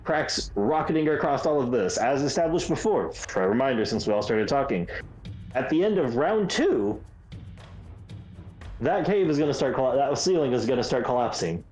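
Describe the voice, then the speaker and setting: A man acting as game master, narrating a tabletop game over voice chat in quick, animated bursts. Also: medium pitch, reverberant, faint music behind, low-quality recording.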